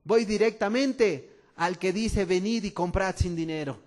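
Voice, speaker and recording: Bartimeo, a blind beggar crying out loud, played by a Mexican preacher. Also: male voice, high-pitched, a little slow. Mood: resolute. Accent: Mexican Spanish. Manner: loud pleading cries. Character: blind male beggar crying out, desperate and resolute.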